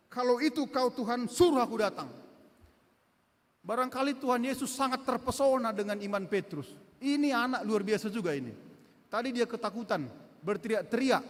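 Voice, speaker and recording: A male pastor with a very high voice delivers an emphatic sermon, hammering key words through repetition and voicing the lines of the people he quotes. His words ring out with a long church reverb. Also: a bit bright. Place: church sanctuary.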